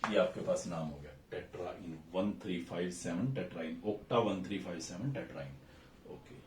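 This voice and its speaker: A man's voice: deep voice, moderate pace, recorded from a distance, slight background noise. A man teaching a recorded chemistry lesson, explaining step by step and counting carbons aloud while mixing English terms into Hindi. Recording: echoey room, voice a bit off-mic, faint ambience.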